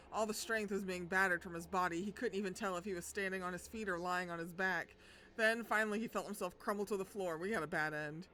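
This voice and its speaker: A woman's voice: mid-range voice, pushed and bright, slight background noise. A young woman streamer reading a game aloud, breaking off with laughter, swearing and joking asides.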